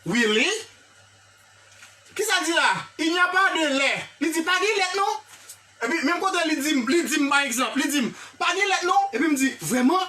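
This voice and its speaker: An English teacher with a Haitian accent giving a live online lesson, animated and repetitive, often checking in with the class and praising viewers by name. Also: sits high, brisk, distant mic. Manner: animated, repetitive, checks in with "hein?" and "vous comprenez?".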